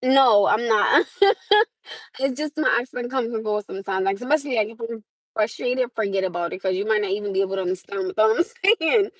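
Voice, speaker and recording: An American woman with a highish voice speaks a little fast while chatting live with viewers from her parked car on her phone camera. She laughs often and calls them "my love." There's no room sound, but the audio is poor.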